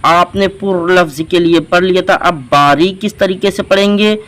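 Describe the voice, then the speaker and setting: A man's voice: high-pitched, steady tone, moderate pace, fairly bright tone, poor audio. A man teaching Quran reading, patiently spelling out letters and vowel marks syllable by syllable in a step-by-step lesson. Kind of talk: slow step-by-step recitation lesson.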